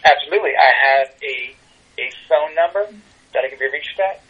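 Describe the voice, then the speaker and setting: An older man chats casually as a guest, pausing often with ums and starting his sentences over. His voice is husky with a breathy edge. It comes through a muffled, dull phone connection. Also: mid-range voice. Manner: hesitant, many ums and restarts. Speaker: tarot reader guest. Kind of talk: casual interview chat.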